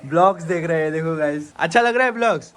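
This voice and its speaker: A man's voice: on the high side, fast talker, fairly bright tone, soft background music. A man hosting a casual family vlog in a playful, teasing way, chatting straight to his viewers. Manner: playful, teasing, keeps addressing viewers as guys. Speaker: vlogger host.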